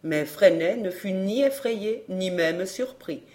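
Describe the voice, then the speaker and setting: A woman reading a classic crime novel aloud in a measured, even storytelling voice. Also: medium pitch. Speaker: audiobook narrator. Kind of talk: scripted narration.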